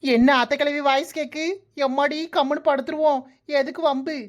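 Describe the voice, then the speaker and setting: Woman voicing a sassy young cartoon daughter-in-law, Kanyakumari Tamil accent, high voice, sarcastic, mutters to herself. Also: steady tone, brisk, close to an everyday voice. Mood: grumbling. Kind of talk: comic cartoon dialogue.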